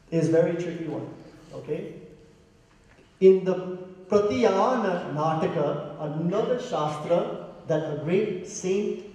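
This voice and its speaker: A man's voice: fairly high pitch, mellow. A man from Guyana preaching a sermon to a congregation, asking them questions and chanting Sanskrit verses. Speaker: pandit preaching. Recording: echoey hall, heard from far off.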